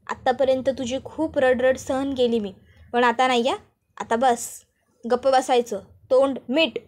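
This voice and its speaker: Woman voicing a bossy scheming wife, high-pitched. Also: little pitch movement, a little slow. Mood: gloating, bossy. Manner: taunting, commanding, shouting insults. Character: arrogant scheming young wife grabbing the house.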